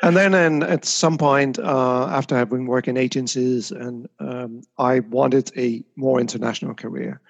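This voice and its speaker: A man's voice: medium pitch, fairly even intonation, moderate pace, vocal fry, hardly any pauses, lo-fi sound. A man as an interview guest, talking reflectively about his career with frequent small restarts. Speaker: guest, communications consultant. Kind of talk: casual interview.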